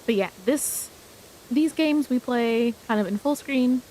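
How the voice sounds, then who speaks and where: A woman hosts a casual game stream in a fairly high, cute voice. Her delivery is bubbly and playful, in an anime-streamer manner. A light noisy hiss sits behind her. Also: unhurried. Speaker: streamer hosting a game livestream. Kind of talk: casual livestream chat while playing puzzle games. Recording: clear hiss of steady background noise.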